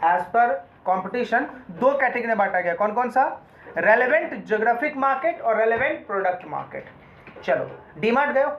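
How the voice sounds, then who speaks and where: A male law lecturer teaches a class in an extremely high, sing-song voice at normal speed, blending Hindi with English terms and questioning students as he goes. He calls them "beta" and quizzes them often. The echoey room gives a dull lo-fi sound with slight background noise.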